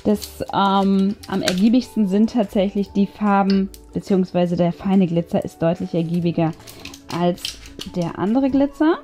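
Over background music, a woman hosting a craft video offers loose, talkative commentary, thinking out loud as she goes. Her pitch is medium and her tone dark.

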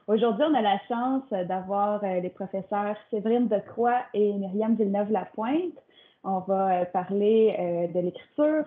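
A young adult woman with a middle-pitched voice moderates an online talk, dropping many filler sounds between phrases. Her computer mic on the video call makes her sound thin and phone-like, as if over a weak line.

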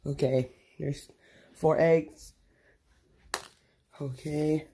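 A woman's voice: low-pitched, steady tone, extremely slow, mellow, slight background noise. A woman hosting a plush toy show, chattily narrating her toy play and talking to herself. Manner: chatty, talks to herself while acting out play.

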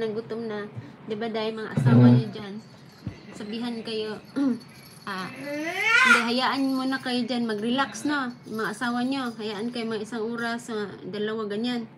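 A woman's voice: fairly high pitch, heavy background noise. A woman hosting a casual live stream at home, chatting to viewers and laughing often between phrases. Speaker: livestream host reading viewer comments. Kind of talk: casual live chat over coffee.

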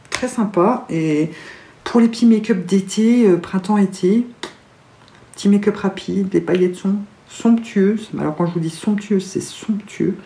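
A woman's voice: mid-range voice, dark tone. A woman with a French accent chatting casually as a beauty vlogger, gushing and laughing often. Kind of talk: casual chat. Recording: echoey room, faint noise.

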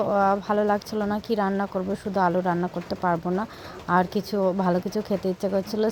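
A woman's voice: mid-range voice, darkish tone, slight background noise. A woman vlogging outdoors while she has a cold and a cough, sometimes coaxing a small child in a sing-song voice. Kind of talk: casual vlog narration. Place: outdoors in fields.

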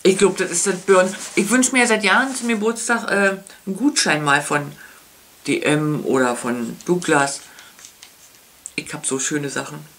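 A woman chatting casually as she unboxes makeup, gushing with many soft whispered asides. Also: on the low side, fairly even intonation, moderate pace. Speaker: beauty vlogger.

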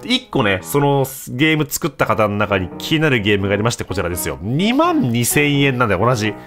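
A man doing casual, mocking gameplay commentary as a streamer, breaking into sudden loud outbursts. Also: medium pitch, very animated, fast talker, faint music behind.

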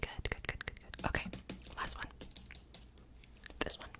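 A young adult woman whispers fast ASMR role-play as a brisk cranial nerve examiner, giving clipped instructions and repeating short words. She sits in a small room at home, with a large microphone close in front of her mouth.

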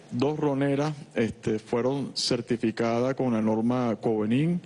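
Halting middle-aged Venezuelan man reporting. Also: mid-range voice, dark tone. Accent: Venezuelan Spanish. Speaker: business chamber representative. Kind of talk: formal spoken report at a meeting. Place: televised conference hall. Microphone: handheld microphone.

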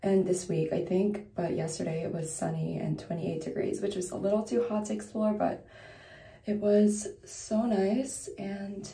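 Chatty woman vlogger, mellow voice. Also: mid-range voice, little pitch movement, measured pace, gravelly, reverberant. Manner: chatty, upbeat, run-on storytelling. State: groggy, just woke up, soft low voice. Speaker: travel vlogger. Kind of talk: casual travel vlog narration.

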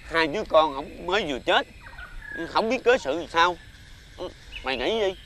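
A man's voice: fairly high pitch, expressive, moderate pace, pushed and bright, a little hiss or hum. A man playing a brusque, mocking incense seller in a TV fairy-tale drama.

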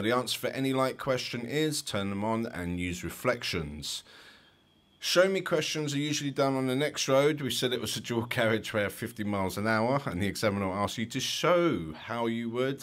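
A man's voice: medium pitch, a bit bright. A man with a London accent, a driving instructor giving chatty, explanatory commentary over driving test footage with light jokes.

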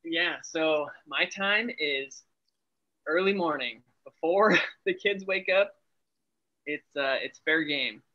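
In a casual interview over a video call with dull audio, a young adult Air Force family medicine resident chats upbeat and laughs easily. He speaks slowly, in a voice a little on the high side.

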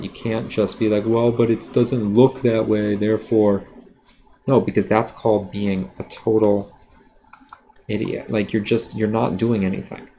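A man with a low, gravelly voice talks through a drawing demonstration on a live stream, blunt and rambling with plenty of fillers. His tone is dark and mellow. A faint hiss sits under the recording. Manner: self-aware about sounding defensive. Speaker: art teacher. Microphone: streaming setup while drawing.

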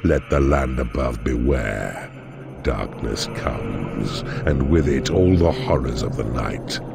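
An extremely low, sinister male evil advisor delivers a grave, commanding video game briefing. His voice swoops theatrically through its phrases, menacing and authoritative. Music plays behind him. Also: animated, takes it slowly, creaky, heavily acted. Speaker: mission briefing narrator.

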